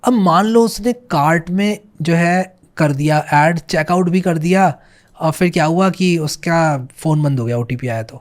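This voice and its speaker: Chatty man explaining a tutorial. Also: fairly high pitch. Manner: chatty, repeats "theek hai" and "bhai", reads on-screen English slowly. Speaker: coding tutorial host. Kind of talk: casual screen-share tutorial.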